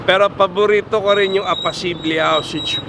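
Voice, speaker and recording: A man's voice: high voice, steady tone, a little fast, gravelly, noisy background. A man from the Philippines leading a town tour, telling its history and mixing Tagalog into his English. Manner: storytelling, mixes Tagalog and English. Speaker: tour guide. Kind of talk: guided tour talk.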